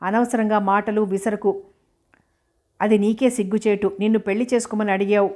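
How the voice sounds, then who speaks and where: A woman reading the lines of an angry young woman teacher, delivering sharp scolding retorts. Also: mid-range voice, flat delivery, normal speed, lightly acted. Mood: furious.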